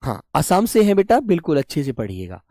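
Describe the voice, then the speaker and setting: A young man teaching a live online Hindi class, patient and deliberate, repeating each point and calling students his dear children. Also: a little high, wildly swooping pitch, warm tone, dry recording, clean studio sound. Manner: slow and deliberate, breaks words into parts.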